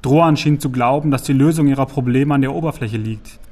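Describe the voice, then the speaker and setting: A man voicing a dry, level-headed male warrior who speaks in measured replies. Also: mid-range voice, warm tone, lightly acted. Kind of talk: audiobook character voice.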